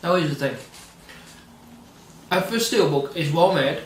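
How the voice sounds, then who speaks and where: A man's voice: on the high side, expressive, unhurried. A man co-hosting a casual film discussion, opinionated and emphatic, with casual swearing. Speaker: co-host. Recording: roomy echo, distant mic, faint noise.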